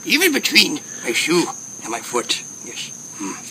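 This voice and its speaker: A wise old alien master drawls in a slow country twang, as a man puts him on, humming thoughtfully between backwards-ordered sentences. The recording is noisy, with crickets chirping and traffic passing outside. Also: fairly high pitch, huge pitch swings, creaky, sharp tone, heavily acted. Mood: sage. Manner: slow, inverted phrasing, thoughtful hums between lines.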